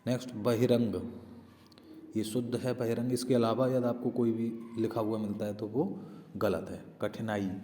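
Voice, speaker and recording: A man's voice: on the low side, mellow, big-room sound, a little hiss or hum. A man teaching an exam-prep spelling lesson, explaining step by step and often asking and answering his own questions.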